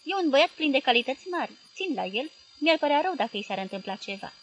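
A woman's voice: sits high, big pitch swings, pitched above the performer's own voice, low-quality recording. A woman reading the part of a young man who speaks earnestly and reproachfully.

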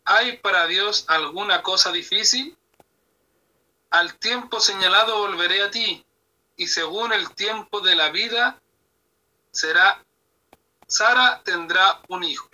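A man in a Bible class reading scripture aloud slowly and carefully. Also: sits high, bright, forceful tone, poor audio.

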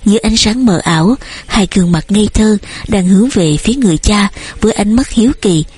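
Woman reading an audiobook, breathy husky voice, steady pace. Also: mid-range voice, fairly quick. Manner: steady, storytelling. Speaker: audiobook narrator. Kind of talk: audiobook narration.

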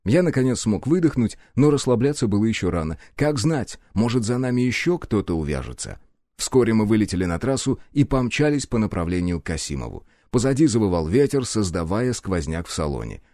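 A man narrating a first-person audiobook in a gruff, terse way. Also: fairly low pitch, big pitch swings, fairly quick, dark tone, no room sound, clean studio sound.

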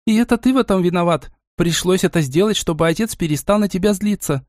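A male narrator voicing a teasing, lively teenage girl, the hero's sister, in an audiobook. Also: sits high, quick pace, no room sound, studio quality, pitched above the performer's own voice, natural voice. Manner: teasing, bubbly.

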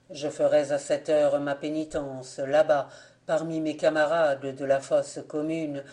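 A man reading an audiobook voices the ghost of a young soldier, speaking in a hushed, slow and mournful way. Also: fairly high pitch, close to an everyday voice. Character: ghost of a young male soldier, sorrowful and weary.

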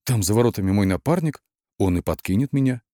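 A man's voice: fairly low pitch, animated, fast talker, dark tone, no room sound, studio quality, close to an everyday voice. A man voicing a shy, polite young police clerk who sounds a little flustered.

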